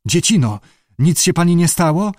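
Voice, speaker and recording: A man voicing a pompous ship captain who clears his throat and fumbles for words. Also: on the high side, sing-song, moderate pace, a little mellow, no room sound, studio quality, pitched above the performer's own voice.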